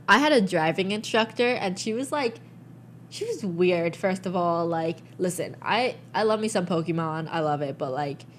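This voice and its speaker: A young woman co-hosting a casual chat show, telling animated stories full of "like" and swearing. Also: on the low side, a little hiss or hum. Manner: animated storyteller, swears freely, lots of "like". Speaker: podcast co-host.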